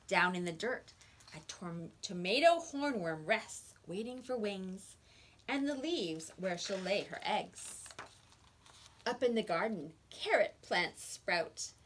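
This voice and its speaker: In a slow, husky, mid-range voice, a woman reads picture books aloud to young children in a teacherly way, giving the words expressive emphasis.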